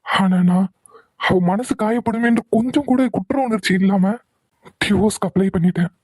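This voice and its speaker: A man voicing a young husband and father in an animated cartoon, quietly remorseful in his thoughts. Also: high voice, normal speed, slight background noise, close to an everyday voice, poor audio. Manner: soft, remorseful inner monologue.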